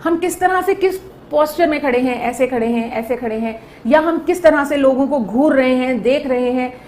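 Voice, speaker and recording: A woman's voice: sits high, moderate pace, a little mellow, reverberant, a little hiss or hum. A woman giving a lecture, explaining step by step and often checking in with her listeners. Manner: explaining with repeated check-ins. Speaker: teacher.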